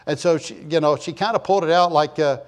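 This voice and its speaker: A man's voice: a little high, fast. A man in his sixties preaching in a church in a rambling, folksy way, joking and telling stories to the congregation. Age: 60s. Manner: joking storyteller, chatty asides to the congregation. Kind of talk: folksy, rambling sermon talk.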